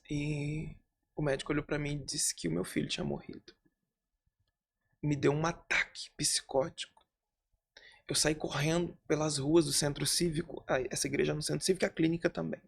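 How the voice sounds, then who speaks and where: A man voicing a distraught woman as she recounts her grief, in a low, subdued retelling. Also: level tone, moderate pace, gravelly, husky. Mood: grieving.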